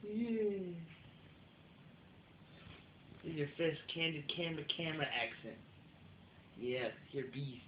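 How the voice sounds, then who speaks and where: A new dad chats and coos at his newborn son at home, his pitch swooping up and down as he teases. It sounds like an old VHS home-video tape, muffled and hissy. The room adds a hollow echo. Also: lively intonation, moderate pace. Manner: playful, coos at the baby. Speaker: father filming his newborn.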